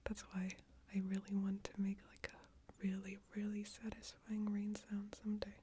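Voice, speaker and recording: A woman speaking in a hushed, breathy near-whisper, rambling casually and a little self-consciously in a bedtime ASMR style, with hesitant pauses. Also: mid-range voice, completely flat delivery. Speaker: ASMR video creator. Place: small closed room with screens and a PC. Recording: faint background noise, occasional crackles and clicks. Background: occasional crackling from screens and PC.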